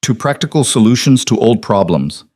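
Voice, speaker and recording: A man's voice: mid-range voice, big pitch swings, normal speed, a little mellow. A man voicing a cold male crime boss in his seventies, speaking in dry, clipped, commanding lines.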